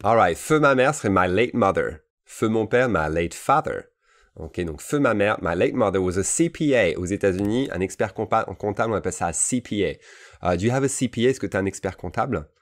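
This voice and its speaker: Deep-voiced male teacher, bilingual lesson, casual and repetitive delivery, checks in often. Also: lively intonation. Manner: explains in French, models English phrases slowly and repeats them; casual asides with frequent "d'accord?" checks. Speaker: English teacher.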